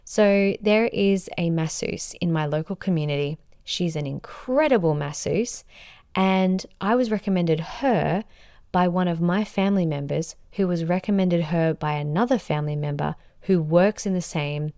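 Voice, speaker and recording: A woman's voice: on the low side, moderate pace, mellow, clear, resonant tone, dry recording, clean studio sound. A woman, a business coach hosting a solo podcast. She talks in an upbeat, emphatic way and stacks words into lists. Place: sitting on a bed.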